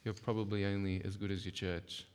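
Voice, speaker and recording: A man's voice: deep voice, level tone, a little fast, a little mellow, clear, resonant tone. A man teaches a church workshop in a casual, emphatic way, often stopping to check in with his listeners. His voice carries a long reverb from a hall. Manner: conversational, emphatic, with rhetorical check-ins. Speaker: workshop speaker.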